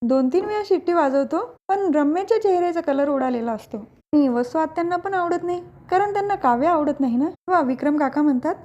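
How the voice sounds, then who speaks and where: A woman's voice: sits high, animated, a little fast, darkish tone, dull audio. A woman giving a casual recap of a TV serial episode, retelling the scenes and reading out each character's lines in turn. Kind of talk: casual story recap narration.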